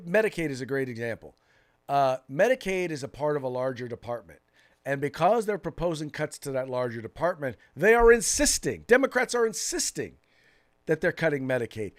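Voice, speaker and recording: Co-hosting a political talk show, an American man with a slightly high voice delivers opinionated commentary emphatically, repeating phrases to drive his points home.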